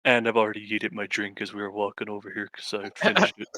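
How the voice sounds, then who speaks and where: Male tabletop gamer, bright forceful voice, casual chat, dry close sound. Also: on the low side, steady tone, fast, no echo, low-quality recording. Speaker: tabletop game player.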